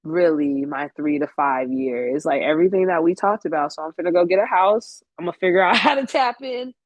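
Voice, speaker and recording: Brisk and lowish-voiced, a woman in her late twenties chats casually as a podcast guest on a dry recording. Her talk is blunt and candid, full of swearing, and she laughs mid-sentence often.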